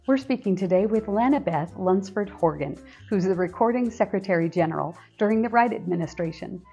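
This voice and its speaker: This podcast host is a woman whose medium-pitched, dark-toned voice comes across animated and fairly quick, though the recording sounds muffled. Over background music, she cheerfully reads announcements and poses interview questions.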